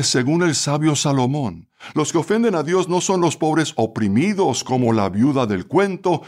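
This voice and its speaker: A man narrating a story for a radio program at a steady, measured pace, then turning to a spiritual reflection. His voice sits at an ordinary middle pitch.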